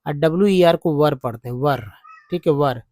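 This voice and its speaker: A man teaching English reading, spelling words out slowly and repeating each one several times. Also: fairly high pitch, a little mellow, no echo, studio quality. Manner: slow, repeats words letter by letter. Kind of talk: spelling and pronunciation lesson.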